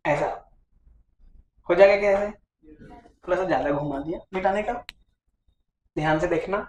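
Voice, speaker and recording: A man's voice: high-pitched, moderate pace, darkish tone. Echoey male physics teacher in class. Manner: coaxing, keeps asking the class questions. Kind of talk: classroom lecture. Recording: echoey classroom with faint noise.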